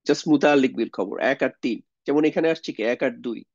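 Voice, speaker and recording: A young man teaches grammar at a middling pitch, explaining step by step and often asking rhetorical questions. He mixes English words into his explanations. The recording is dry and a little dull. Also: fast talker, darkish tone, no echo. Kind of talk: lecture on Arabic grammar.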